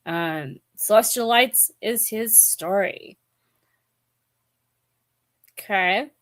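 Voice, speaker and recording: A woman in her forties chatting casually about books to camera, hesitant and musing, with many pauses and ums. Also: medium pitch. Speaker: book vlogger. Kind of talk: casual book chat to camera.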